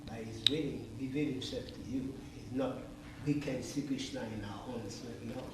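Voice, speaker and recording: A man in the audience speaks up in an earnest, halting way, with non-native grammar. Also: medium pitch, steady tone. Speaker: audience member. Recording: echoey room, far from mic, noisy.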